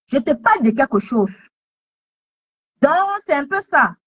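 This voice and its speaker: A woman's voice: sits high, sing-song, a little slow. A woman giving heated commentary online, scolding someone with repeated taunting questions. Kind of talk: heated social media commentary. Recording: dull lo-fi sound.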